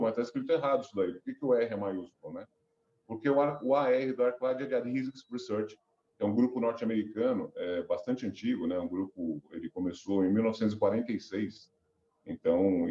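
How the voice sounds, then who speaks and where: In a business interview, a middle-aged company director who has a cold rambles along in a stuffy, nasal voice, with many fillers and false starts. His voice is lowish, and the recording sounds muffled and reverberant.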